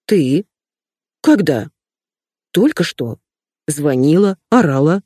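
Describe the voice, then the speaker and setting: Woman reading a jumpy old poet guy in an audiobook, mutters, nervous, mellow and dry. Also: low voice, very animated, slow, husky, no echo, heavily acted. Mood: pleading. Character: timid fearful aging male poet.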